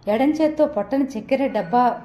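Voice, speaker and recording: A woman's voice: on the high side, normal speed, mellow. Woman narrating a novel, echoey. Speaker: audiobook narrator. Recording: dull, roomy echo.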